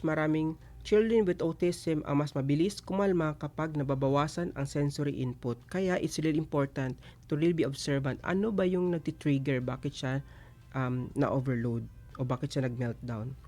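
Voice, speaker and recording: A man and father explaining parenting strategies calmly, switching between Tagalog and English. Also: on the high side. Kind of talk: talk show advice segment.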